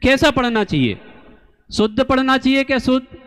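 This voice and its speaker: A man giving a slow, deliberate religious discourse, teaching through rhetorical questions and pauses. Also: very high-pitched, expressive, fairly bright tone, clear, resonant tone. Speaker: Jain scholar and preacher. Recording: long hall reverb.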